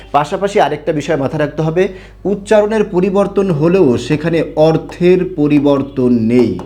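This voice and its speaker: A man with a somewhat high, slightly mellow voice teaches an online grammar class. He poses questions and answers them himself, repeats key points, and tells listeners to pay attention.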